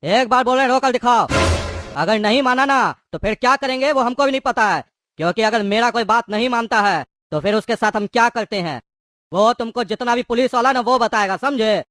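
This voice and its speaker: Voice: medium pitch, brisk, a bit bright, no room sound, natural voice. Someone voicing a bullying cartoon thug. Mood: menacing. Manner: bullying, mocking, threatening. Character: menacing male thug prisoner called Psycho Genda. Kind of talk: cartoon voice acting.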